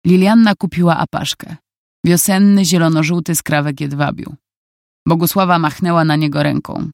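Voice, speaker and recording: A narrator reading a novel aloud in calm, even scripted narration. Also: medium pitch, moderate pace, gravelly, dry recording, clean studio sound.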